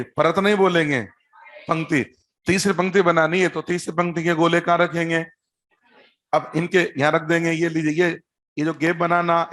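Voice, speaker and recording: This chemistry teacher has a somewhat high, slightly bright voice. He works through material at the board step by step, repeating key terms and quizzing his students, with teasing, joking asides along the way.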